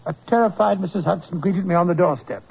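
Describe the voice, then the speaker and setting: An actor playing a steady, kindly male doctor who narrates and reassures in a brisk, earnest way, in 1940s radio acting. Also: high voice, vocal fry, slightly rough, heavily acted. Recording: muffled old radio broadcast.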